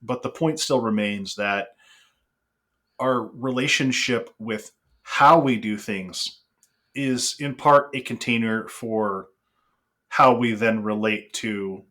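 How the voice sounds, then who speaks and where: Man, mid-pitched, earnest and reflective, podcast conversation. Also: slow pace, sharp tone.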